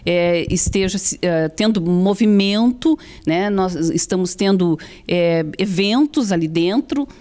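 A woman's voice: fairly low pitch, slow pace, hardly any pauses, mellow. A middle-aged woman with a southern Brazilian gaúcho accent, talking as a guest in an interview. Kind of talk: conversational interview talk. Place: small indoor TV studio. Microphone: handheld microphone.

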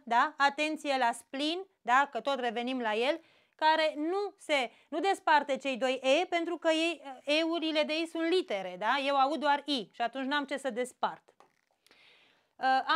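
A woman's voice: sits high, fairly bright tone. A woman with a Romanian accent teaching an exam-prep grammar lesson, explaining step by step and checking in with short questions.

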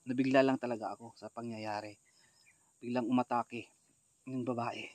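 A man vlogging a ghost hunt alone in rural undergrowth, talking straight to his viewers and often shouting in alarm or chanting prayers. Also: mid-range voice, level tone, normal speed, dry recording. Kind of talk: live outdoor ghost-hunt vlog. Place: rural undergrowth outdoors, insects heard.

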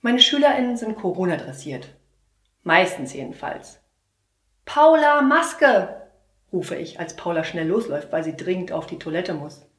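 A young woman, a trainee teacher, performs a humorous slam poem on stage, storytelling with a lot of bounce and sudden bursts of shouting. Her voice sits a bit low for a woman. It rings out in a roomy, echoing space. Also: expressive, normal speed. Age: young adult. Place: theater stage. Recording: roomy echoey stage sound.

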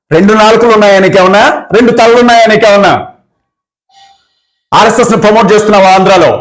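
A man's voice: sits high, rough recording. A man giving a fiery, confrontational political speech, firing off accusing rhetorical questions. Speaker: activist leader.

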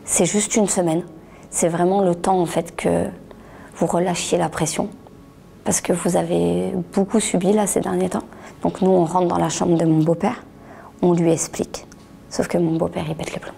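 A middle-aged woman and author telling her story in an interview, halting, restarting words and sometimes sinking to a near whisper. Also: on the low side, level tone, vocal fry, mellow, slight background noise. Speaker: author giving a testimony. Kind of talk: personal testimony interview.

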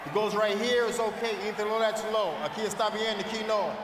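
A middle-aged man giving brisk, firm referee's instructions before a fight. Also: high voice, fairly even intonation. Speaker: boxing referee. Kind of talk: pre-fight instructions, alternating English and Spanish. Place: large indoor arena, in the ring. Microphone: handheld microphone. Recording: distant echoey arena PA, crowd noise.

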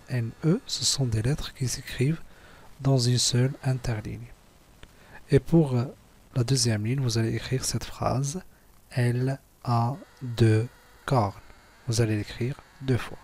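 A man's voice: medium pitch, fairly even intonation, slow pace, a little mellow, breathy edge. A man teaching young children, going through written exercises and spelling out letters and syllables one by one. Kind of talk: slow classroom exercise walkthrough.

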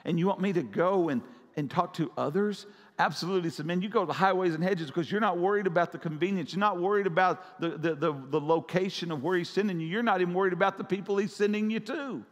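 A man's voice: high voice, quick pace. A man preaching a sermon as pastor, urgent and repetitive, pressing his listeners. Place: church sanctuary. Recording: long church hall reverb.

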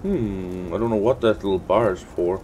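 A let's play host gives casual gameplay commentary, thinking aloud in hesitant mutters. His voice sits low, a little mellow, at normal speed. Constant background noise and game ambience run throughout.

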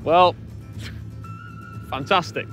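A man with a slightly high voice, dry and sarcastic in casual banter. Faint music sits behind him. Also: extremely slow, a bit bright. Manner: sarcastic, wry. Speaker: YouTuber on a group challenge.

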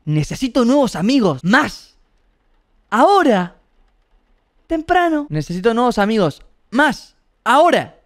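A man's voice: very high-pitched, big pitch swings, measured pace, pauses often, no echo, studio quality, voice pushed up, exaggerated voice. A man reading aloud and voicing a demanding, petulant young prince in a raised, insistent storybook voice.

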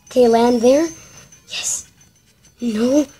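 A woman giving casual, excitable commentary while playing a mobile game, breaking into panicked shrieks when things go wrong. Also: a little high, drawn-out words, husky, soft background music.

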